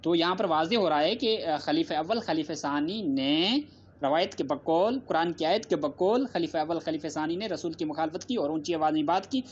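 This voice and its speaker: A man's voice: on the high side, highs cut off, slight background noise. A man giving a formal religious debate reply, repeating his points with emphasis and citing scripture. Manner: repetitive, emphatic, cites scripture and hadith.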